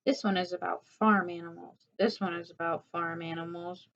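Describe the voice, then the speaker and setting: A woman voicing a bossy, dramatic young schoolgirl who talks high, excitable and whiny, from a slightly dull audiobook recording. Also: moderate pace, lightly acted.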